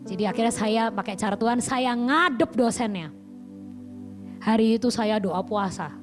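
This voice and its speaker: A woman evangelist giving a testimony sermon, telling her story with lively drama and asking the listeners direct questions. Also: fairly high pitch, moderate pace, faint music behind. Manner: lively storytelling, acts out her own past panic and prayers. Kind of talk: testimony sermon to a youth service.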